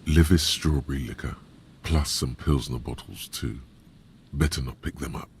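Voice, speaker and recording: A man's voice: normal speed, a little hiss or hum. A man voicing a brooding inner-voice narrator for a detective game, wry and ominous in manner. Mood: observant. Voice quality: deep gravelly voice. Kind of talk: game voice acting.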